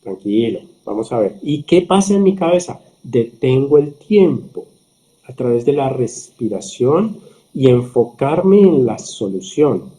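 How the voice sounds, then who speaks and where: A middle-aged man, a surgeon, calmly explaining in a conversational interview, slowing down for emphasis. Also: medium pitch. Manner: calm, explanatory, slows down for emphasis. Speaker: surgeon and podcast guest.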